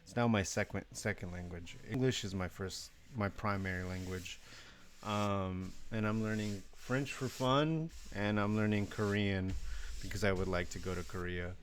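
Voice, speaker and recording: A young Mexican man chats casually on a live stream, sleepy and rambling, putting himself down and swearing occasionally. His voice is on the low side, at a normal pace.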